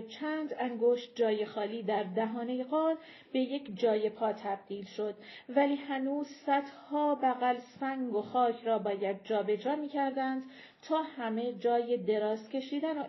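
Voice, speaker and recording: A woman narrating an audiobook with steady storytelling. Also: a little high. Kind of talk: scripted narration. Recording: dull lo-fi recording.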